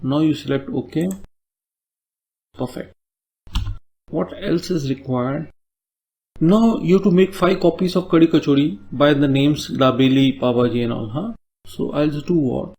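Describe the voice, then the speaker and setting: A man's voice: a little high, measured pace, pauses often, dark tone. A man with an Indian English accent teaching a coding tutorial, explaining step by step and checking in with tag questions. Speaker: programming tutor. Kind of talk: screen-recorded coding tutorial.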